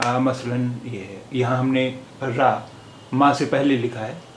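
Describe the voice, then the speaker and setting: Man, teacher, very slow, echoey room, faint hiss. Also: medium pitch, steady tone. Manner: many drawn-out fillers, repeats each word several times. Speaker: language teacher. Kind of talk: slow explanatory lesson.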